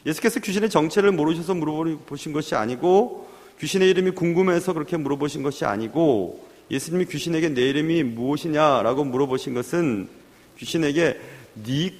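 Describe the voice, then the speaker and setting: Male preacher, fairly high voice, lively sermon delivery with acted-out quotes, long reverb. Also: a little fast. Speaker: pastor.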